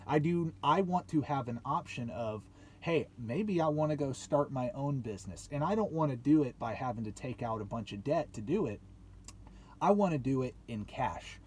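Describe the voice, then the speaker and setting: A man in his late twenties hosts a YouTube channel and gives viewers an emphatic motivational talk, repeating himself and asking rhetorical questions. His voice is mid-range, expressive and husky, at normal speed.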